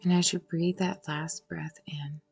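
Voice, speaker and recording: A lowish-voiced woman leads a guided meditation with fairly even intonation, speaking very slowly and calmly and pausing at length. Her voice carries heavy creak, and her phrases often drift into a breathy near-whisper.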